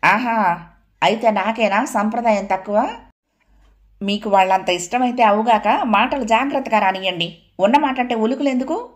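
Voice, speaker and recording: A woman reads a sharp-tongued young wife in an audio novel, her lines raised and snapping with indignation. The pitch climbs above her narrating voice. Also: normal speed, natural voice. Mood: indignant.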